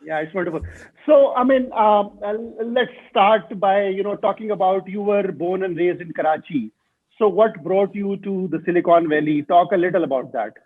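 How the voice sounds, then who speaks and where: High-voiced male podcast host on a tinny line. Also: normal speed. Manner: hesitant, many fillers and restarts. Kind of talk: podcast interview.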